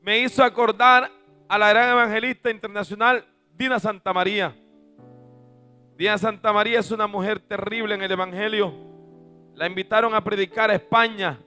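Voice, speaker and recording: High-voiced, bright male preacher. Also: steady tone, moderate pace, smooth, soft background music. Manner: swings from booming shouts to soft asides. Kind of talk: sermon with storytelling.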